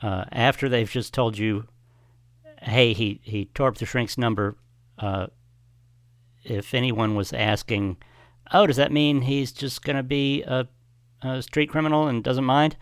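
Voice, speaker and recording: A man's voice: medium pitch, steady tone, unhurried, pauses often, dry recording, clean studio sound. Hesitant man explaining a plot. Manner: hesitant, many fillers, explanatory. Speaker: podcast co-host. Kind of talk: casual TV recap discussion.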